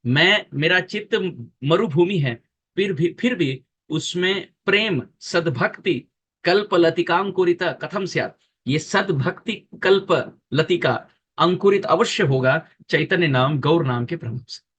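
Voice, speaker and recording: A man giving a devotional sermon, explaining earnestly with emphatic repetition and chanting verses in a slow, drawn-out voice. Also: fairly high pitch, animated, fairly bright tone, husky. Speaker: preacher.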